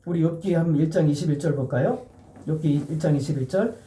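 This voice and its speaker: A male pastor delivers a sermon in a relaxed, conversational way, putting question after question to his congregation and slowing down to read scripture aloud with them. His voice sits high but has a mellow, dark tone. He is heard from some distance away in a reverberant church hall. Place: church sanctuary. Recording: echoey church hall, mic a bit distant.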